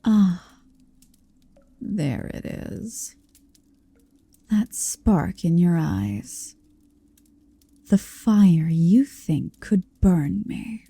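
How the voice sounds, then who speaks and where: A woman plays a towering, possessive dragoness in human form in an ASMR roleplay, speaking very slowly in a low, very mellow, breathy murmur that often turns to a whisper, with some creak. Huge and domineering, she taunts with deliberate menace in an expressive, full character voice, recorded with no echo.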